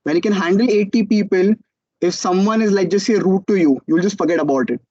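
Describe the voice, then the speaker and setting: A young man with an Indian English accent gives a motivational talk about starting out. His voice sits high and he tells the story with animated energy, slipping into other people's voices. The sound is dry and a little dull. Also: brisk, no room sound. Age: young adult. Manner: animated storytelling, acts out quotes. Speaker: student entrepreneur speaker.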